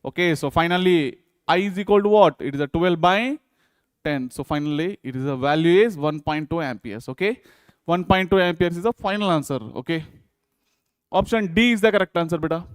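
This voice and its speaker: The speaker, a man with an Indian accent, lectures briskly on physics in a fairly high, clear and resonant voice. The clean studio sound has no echo as he works through exam problems step by step, repeatedly checking in with students.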